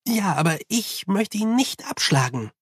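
A man's voice: sits high, very animated, a little slow, husky, no room sound, clean studio sound, voice pushed up, full character voice. A man voicing an earnest, uneasy young male monk who asks many questions.

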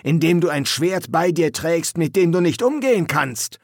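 A man playing a gruff drill sergeant who barks orders, loud and commanding. His voice rides well above his own, and the sound is dry and close. A storybook sergeant who brooks no nonsense. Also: fairly high pitch, sing-song, unhurried, dry recording, pitched above the performer's own voice. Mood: probing. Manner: barking, commanding.

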